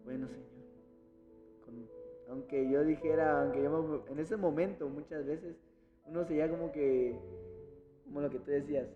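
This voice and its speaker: A man's voice: on the high side, steady tone. Earnest man telling a personal testimony. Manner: earnest, reflective, halting storytelling. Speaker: church pianist sharing a testimony. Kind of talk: personal testimony in casual conversation. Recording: reverberant, dull recording with music behind.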